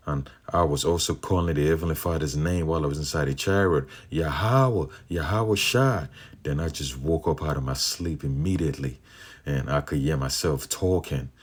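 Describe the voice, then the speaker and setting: In his slow, drawn-out way, a believer with an extremely deep, low voice earnestly rambles through a testimony about his dream visions. "You know" and other fillers crop up constantly.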